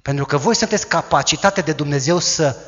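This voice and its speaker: A man preaching a sermon, who acts out quoted voices loudly and dramatically. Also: a little high, dull audio. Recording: long hall reverb.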